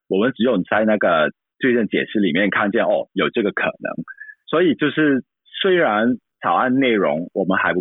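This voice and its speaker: A man with a Cantonese accent in his Mandarin, giving explanatory interview answers as an expert guest in a measured, hedging way. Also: fairly low pitch, husky, no echo, narrow, tinny audio.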